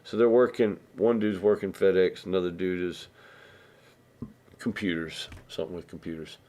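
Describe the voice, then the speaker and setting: A man with a lowish voice tells a story in a live stream. He talks in a relaxed, meandering way, backtracking often and acting out the lines of other people. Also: moderate pace. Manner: rambling, loose, with many restarts and acted-out dialogue. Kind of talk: casual storytelling.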